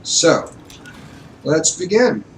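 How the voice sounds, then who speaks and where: At home with his wife, a man hosts a casual let's play, explaining the game conversationally with fillers. His voice is a little high with big pitch swings and extremely slow, picked up by a distant mic with faint noise.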